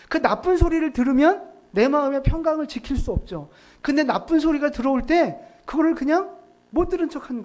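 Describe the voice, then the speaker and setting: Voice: sits high, darkish tone. A pastor giving a sermon in a conversational way, often asking the congregation rhetorical questions. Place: church sanctuary.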